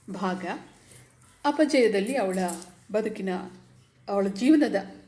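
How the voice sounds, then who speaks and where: Woman writer presenting an essay; steady, expressive read-aloud of a story. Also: medium pitch. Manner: measured, expressive reading.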